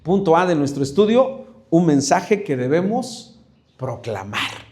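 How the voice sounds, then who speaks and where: Preaching unhurriedly, this middle-aged pastor has a slightly high, darkish voice that swings widely in pitch. He sounds conversational yet hesitant, often repeating himself and having the congregation echo his words.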